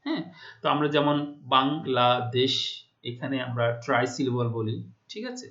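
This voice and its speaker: A man's voice: mid-range voice, animated, normal speed, fairly bright tone, highs cut off. A man from Bangladesh, a Bengali teacher, giving a classroom lecture and often stopping to check that his students follow.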